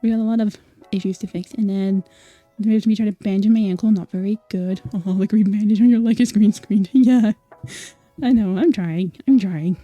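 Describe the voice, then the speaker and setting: A woman's voice: medium pitch, fairly even intonation, moderate pace, mellow, dry recording, faint music behind. A woman from Scotland, a streamer chatting casually with viewers, chatty and apologetic with many fillers. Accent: mostly American-sounding, Scottish origin. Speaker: vtuber streamer. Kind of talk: casual livestream chat.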